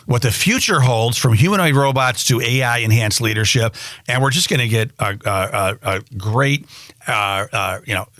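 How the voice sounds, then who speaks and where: A man's voice: mid-range voice, normal speed, fairly bright tone, no room sound. A man hosting a show in a studio, introducing his guest in an upbeat way with stumbles and repeated words. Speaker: host.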